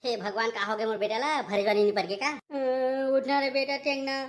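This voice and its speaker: A woman's voice: fast, natural voice. A woman voicing a village mother wailing over her son in a cartoon, with a Chhattisgarhi accent. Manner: high, wailing pleas.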